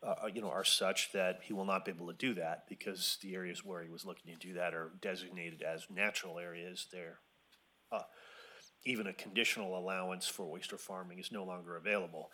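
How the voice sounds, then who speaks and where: A man's voice: sits low, fairly even intonation, brisk, pushed and bright, husky. A man on city planning staff briefing a commission, hedging his points with fillers and restarts. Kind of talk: briefing at a public meeting.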